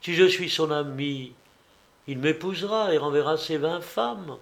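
A man reading aloud, voicing a respectful but firm young woman who speaks softly and earnestly to her father. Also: deep voice, measured pace, vocal fry. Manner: soft, earnest pleading.

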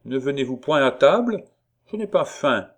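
A man plays a cold, curt young woman, raising his mid-range voice above his own natural pitch while staying close to an everyday sound. His delivery is animated and moderately paced.

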